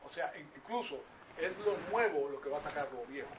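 A man teaching a Bible class in sermon style, questioning his listeners and rising to loud emphatic peaks. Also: fairly high pitch, lively intonation, brisk. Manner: engages the audience with questions. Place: room with a live audience. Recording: distant lo-fi recording with noise.

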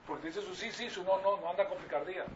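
Speaking fast in a high-pitched voice, an older Venezuelan man preaches to a congregation in an informal Bible-teaching sermon. He repeats points didactically and poses rhetorical check-in questions. Noise is clear throughout, and the distant mic makes everything sound muffled.

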